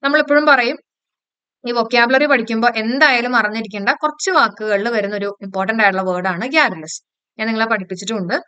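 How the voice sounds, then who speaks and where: Bright, crisp-voiced woman teacher. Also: a little high, fairly even intonation, dry recording. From Kerala, India. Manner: quizzes listeners and checks they follow; repeats key rules slowly to drill them. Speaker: exam-prep English teacher. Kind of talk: online lesson explaining grammar questions.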